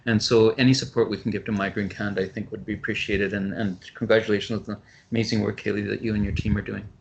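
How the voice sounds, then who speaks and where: A male physician giving a webinar talk over a video call, explaining briskly with frequent ums and restarts. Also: on the low side, little pitch movement, vocal fry, slight background noise. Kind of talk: webinar presentation.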